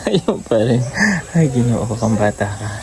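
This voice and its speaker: Low-voiced woman, teasing and amused. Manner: teasing, amused, quick questions. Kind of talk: casual family chat. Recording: steady clear background noise.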